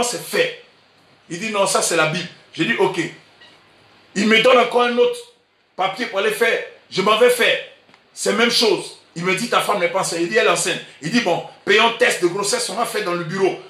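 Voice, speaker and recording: A male pastor with an Ivorian French accent, preaching emphatically and repeating himself, sometimes breaking into shouts. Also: high-pitched, recorded from a distance. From Côte d'Ivoire. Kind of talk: sermon. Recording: echoey room, voice from afar.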